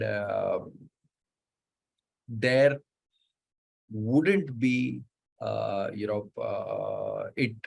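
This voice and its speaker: A man's voice: mid-range voice, creaky, rough recording. A man from Mumbai with an Indian English accent, hosting a live online show in casual chat, full of fillers and words said three times over. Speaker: host.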